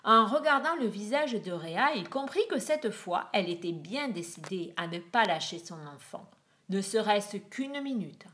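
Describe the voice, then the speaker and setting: A woman reading a myth aloud in a measured, expressive storybook manner. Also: mid-range voice.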